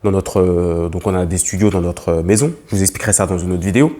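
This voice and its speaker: A young man who vlogs about real estate investing talks to the camera as if giving a lesson. He's emphatic and fast-talking, with a low-pitched, mellow voice, and he repeats himself, restarts sentences and uses fillers.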